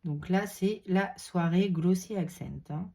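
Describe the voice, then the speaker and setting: A woman with a runny nose chatting casually while she shows a craft project, relaxed and talkative as she works. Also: lowish voice, slow pace, vocal fry. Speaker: craft video host. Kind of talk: casual craft tutorial chat.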